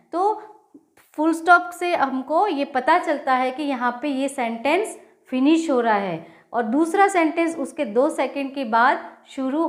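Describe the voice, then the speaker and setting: Slow, patient woman teacher, high voice. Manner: slow, explaining patiently, reading examples aloud word by word. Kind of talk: grammar lesson for children.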